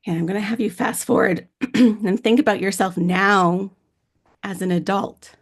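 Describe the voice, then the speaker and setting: A woman's voice: medium pitch, fairly even intonation, unhurried. A woman in her thirties facilitating a conference workshop, guiding a reflection and then chatting in a friendly, conversational way. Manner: friendly, conversational, uses fillers like "like". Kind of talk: guided reflection and conference talk.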